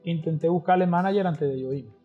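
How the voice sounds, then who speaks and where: A man's voice: on the high side, brisk. A man, telling stories as a podcast guest in casual, slangy talk and acting out the people he quotes. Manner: animated, slangy, acts out quoted voices. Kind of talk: casual storytelling interview. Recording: slightly dull podcast audio with faint music.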